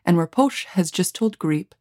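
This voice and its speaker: A woman with a slightly low voice narrates a podcast from a script. Her wording and delivery are formal and academic. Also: animated, moderate pace, darkish tone.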